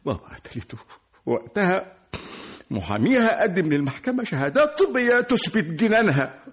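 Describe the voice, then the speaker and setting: A mocking, jittery Egyptian brother. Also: male voice, sits high, big pitch swings, brisk. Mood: mocking, agitated. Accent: Egyptian Arabic. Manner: sarcastic, shifting between laughter and whining. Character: Ayman, a nervous, mocking brother under police questioning. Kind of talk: Egyptian radio drama.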